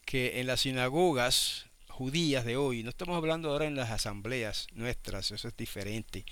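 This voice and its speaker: A man's voice: mid-range voice, moderate pace, fairly bright tone, smooth. A man preaching a sermon, explaining things and often asking his listeners rhetorical questions. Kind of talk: sermon teaching.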